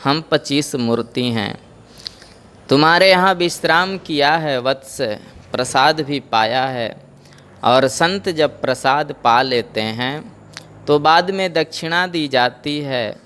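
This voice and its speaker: A man voicing a patient, kindly old guru who speaks in a gentle, coaxing way. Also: mid-range voice, lively intonation, slow pace, full character voice.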